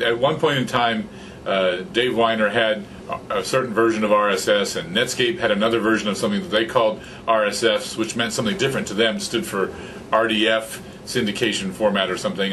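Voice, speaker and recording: In a small office with computers, a podcaster in his fifties chats with a guest in a casual interview, his lowish voice picked up by a studio condenser mic on a stand in front. There's slight background noise, and he's animated, gestures a lot and gets excited.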